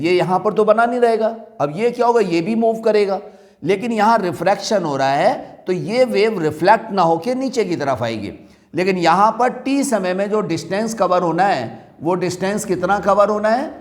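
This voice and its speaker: High-voiced man teaching physics. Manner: addresses students as "beta", asks and answers his own questions; mixes English technical terms into Hindi. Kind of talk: classroom lecture explaining a diagram.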